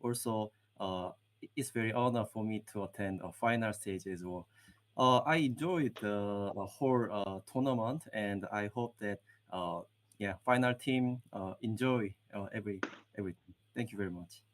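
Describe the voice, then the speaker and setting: A man from South Korea with a Korean accent, introducing himself formally in halting, hesitant English. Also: lowish voice.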